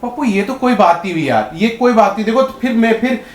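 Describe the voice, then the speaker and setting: A man's voice: sits high, expressive, quick pace, reverberant. A man arguing with his wife at home, repeatedly demanding to know what went wrong. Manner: argumentative, keeps asking what happened. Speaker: husband in a staged prank. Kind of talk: casual domestic argument.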